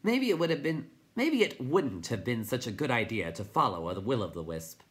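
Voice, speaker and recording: A man's voice: mid-range voice, very animated, fairly bright tone, voice pushed up. Man doing a chirpy little top-hatted fellow. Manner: chirpy, brisk. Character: tiny, cheery little man in a top hat.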